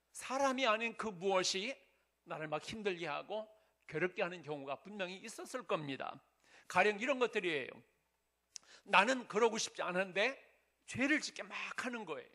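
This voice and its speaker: A man's voice: high-pitched, a bit bright. A male pastor giving a sermon in an earnest, conversational way, asking the congregation rhetorical questions. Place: church sanctuary.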